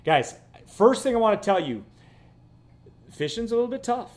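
A Florida man in his fifties with a high-pitched, slightly mellow voice speaks at a normal speed with big pitch swings. A fishing guide, he hosts his vlog from his living room, seated close to the camera, talking casually, rambling and often repeating words.

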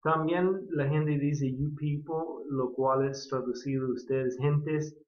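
A man's voice: fairly high pitch, steady tone, slow pace, darkish tone. An American man from California, a native English speaker, teaching an English grammar lesson in Spanish, patiently repeating model sentences. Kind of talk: slow bilingual grammar lesson. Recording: echoey, dull lo-fi sound.

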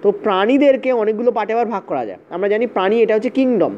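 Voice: medium pitch, expressive, rapid-fire, darkish tone. A teacher giving an exam-prep lecture, repeating points and checking in with "okay" often, spelling terms out letter by letter. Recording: dull, slightly lo-fi audio with faint hiss.

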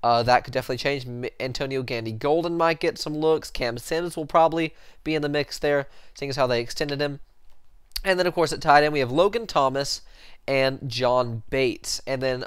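This young adult, a sports channel host with a head cold, speaks in a medium-pitched, clear, resonant and slightly nasal voice. He gives rambling, self-correcting, filler-heavy casual football commentary from a small room before a sports-print backdrop, using a headset mic, in studio-quality audio with no room sound.

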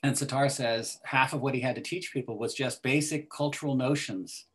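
An older man speaks over a video call from a small room at home, thoughtful and measured and often restarting. His pitch sits in an ordinary middle range. He sounds like a poet and teacher discussing his work. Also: steady tone, a bit bright. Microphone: video call webcam.

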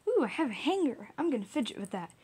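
Giggly, rambling young woman, mellow tone. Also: high-pitched, sing-song, fast, husky. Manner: rambling, giggly, self-deprecating. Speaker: art vlogger. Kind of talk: casual voiceover commentary. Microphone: small audio recorder, drifts off mic.

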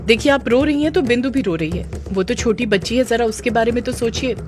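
A woman voicing a sympathetic young man who calms and reassures a crying woman. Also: fairly high pitch, a little fast, lightly acted. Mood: concerned, soothing. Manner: soothing, reassuring. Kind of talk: audio drama narration. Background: background music.

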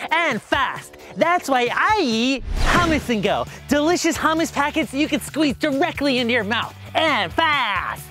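A man's voice: very high-pitched, pushed and bright, heavily acted. A man playing a busy, hyperactive kid in an extreme kids' snack commercial.

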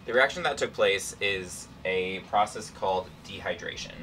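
A man's voice: on the low side, moderate pace, bright, forceful tone. A young man explaining science casually, in a playful, slangy, irreverent way. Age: young adult. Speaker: chemistry presenter. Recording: distant camera mic, faint room noise.

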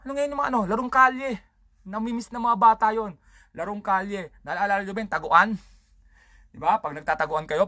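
Bright-voiced man ranting crudely. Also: high-pitched, no echo, studio quality. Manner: crude, swearing, rambling storytelling. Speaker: comedian host. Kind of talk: casual stand-up style rant.

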